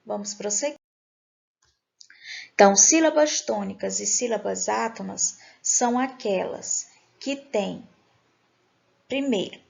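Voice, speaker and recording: A woman's voice: mid-range voice, creaky, a little mellow. A woman teaching a grammar class, patiently asking questions and answering them herself. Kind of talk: recorded online class. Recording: dull lo-fi recording.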